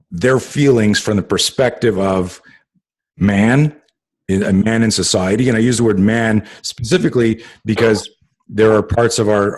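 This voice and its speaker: A man hosting a casual group call, rambling with many fillers and swearing freely. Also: on the low side. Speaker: podcast host.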